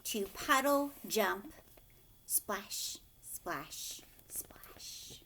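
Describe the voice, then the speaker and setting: In a whisper, a teacher reads a picture book to young children, her mid-range voice expressive and her words drawn out. She drops into hushed asides that put questions to her listeners.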